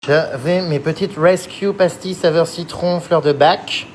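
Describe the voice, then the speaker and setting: Excitable man venting in a vlog. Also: on the high side, slight background noise, rough recording. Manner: excitable, quick to vent and swear, chatty. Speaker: vlogger. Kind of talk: casual vlog to camera. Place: home kitchen.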